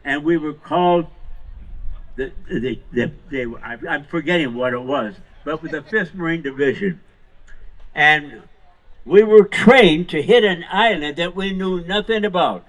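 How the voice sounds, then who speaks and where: Hundred-year-old man, higher-pitched voice, telling war memories. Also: animated, a bit bright, poor audio. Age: 100 years old. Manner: emphatic storytelling with rhetorical questions and short, halting phrases. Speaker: veteran Marine guest speaker. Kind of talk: live war reminiscence to an audience.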